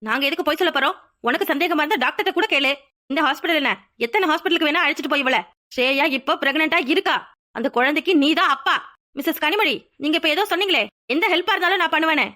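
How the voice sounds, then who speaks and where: A woman's voice: high-pitched, rapid-fire, pushed and bright. A woman voicing an outspoken young woman who confronts her friend's ex in a cartoon drama. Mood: confronting. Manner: confrontational, demanding. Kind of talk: cartoon voice acting.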